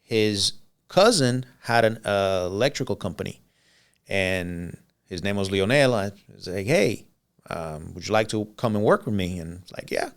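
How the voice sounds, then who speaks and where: A middle-aged man from Cuba, Spanish his first language, speaks in a low, smooth and resonant voice. He tells his story as a podcast guest, easygoing and meandering, filling pauses with "uh" and "um". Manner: relaxed, rambling, frequent "uh" and "um". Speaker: podcast guest, business owner. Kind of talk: casual interview storytelling.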